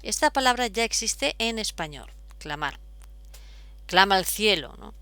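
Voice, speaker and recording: A woman's voice: medium pitch, sing-song, measured pace, pushed and bright, dry recording. A woman, explaining step by step as a teacher, patient, with frequent fillers. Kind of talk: explaining at a whiteboard.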